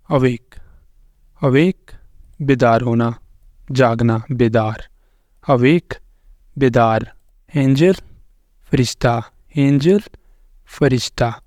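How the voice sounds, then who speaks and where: A man's voice: mid-range voice, flat delivery, moderate pace, darkish tone, dry recording, clean studio sound. A man teaching English vocabulary, saying each word and its meaning twice. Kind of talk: slow instructional narration over slides.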